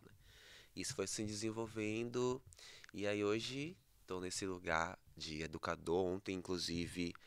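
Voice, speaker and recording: A man, a math educator and guest on a podcast, talking in a relaxed way with restarts. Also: low-pitched, no room sound. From Salvador, Brazil. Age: 30s. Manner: relaxed, with restarts and tag questions. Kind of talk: casual podcast conversation.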